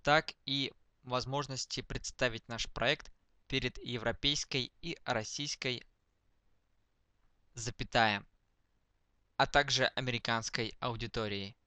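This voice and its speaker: A man dictating text slowly to speech recognition, speaking each punctuation mark aloud, word by word. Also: mid-range voice, fairly even intonation, pushed and bright, smooth, dry recording. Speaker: dictation demonstrator.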